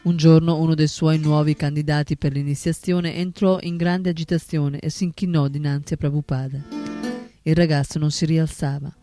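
A man narrating a biography in a steady, solemn scripted reading. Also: fairly high pitch, normal speed. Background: faint instrumental music.

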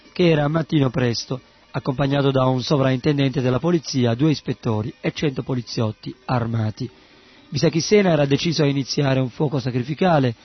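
A man giving scripted narration of a story in an even, steady way. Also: medium pitch, dull audio.

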